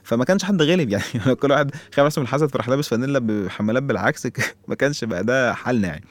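A man's voice: medium pitch, animated, rapid-fire, dry recording. A man with an Egyptian accent hosting a show, delivering a comic monologue full of rhetorical questions and frequent chuckles. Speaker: radio show host.

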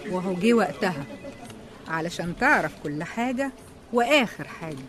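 A woman with an Egyptian accent playing a cunning young woman who calmly taunts her rival. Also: on the low side, normal speed. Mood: coy, teasing. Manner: calm, taunting, in control. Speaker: office colleague. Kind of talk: radio drama acting.

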